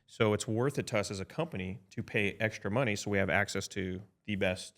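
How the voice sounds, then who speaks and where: A man in his fifties with a lowish voice talks through insurance options as an advisor in a loose podcast conversation. He thinks aloud, backs up and restarts, and keeps tossing in "right?" to check that his listener is following. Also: brisk, a bit bright. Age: 50s. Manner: chatty, frequent "right?" tag checks and restarts. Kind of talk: casual podcast explanation.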